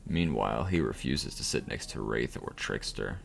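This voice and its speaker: A man's voice: rumbling low, animated, normal speed, vocal fry, soft background music, pitched below the performer's own voice, exaggerated voice. A man reading aloud the sarcastic narration of a dating game, with a dry, sardonic delivery.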